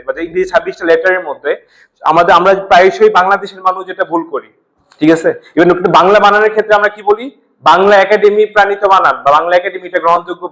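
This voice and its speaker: A man's voice: high voice, fairly bright tone, low-quality recording. A man teaching English in a classroom, drilling sounds for the students to repeat and then explaining and quizzing them. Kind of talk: classroom lesson with call-and-response drills. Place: madrasa classroom.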